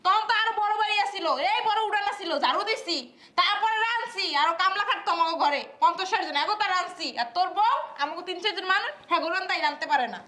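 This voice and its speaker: A woman's voice: extremely high pitch, fast talker, pushed and bright. A woman playing a nagging older mother-in-law in a comedy skit, firing off scolding rhetorical questions and tagging each with "haan?".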